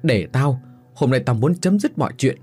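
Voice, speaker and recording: A man plays a brave young official, determined and calling out to his friend. The delivery is husky and dark, with a lively pitch. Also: moderate pace, soft background music. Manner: determined, shouting.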